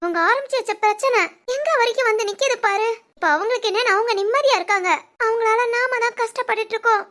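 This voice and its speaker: A woman voicing an anxious young college girl talking to her older brother in an animated drama, with a Tirunelveli Tamil accent. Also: extremely high pitch, fast. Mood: fretful. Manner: fretful, pleading.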